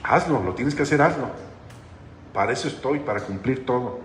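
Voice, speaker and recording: A man's voice: mid-range voice, animated, normal speed. A man preaching a sermon as pastor, in a conversational way that keeps asking the congregation questions. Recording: echoey hall with long reverb, faint noise.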